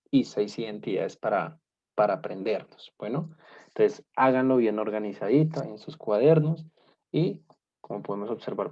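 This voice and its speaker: Here the math teacher has a fairly low, slightly mellow voice. He walks through a basic lesson patiently, step by step, checking in often with "¿listo?" and "¿cierto?", on a dull lo-fi class recording.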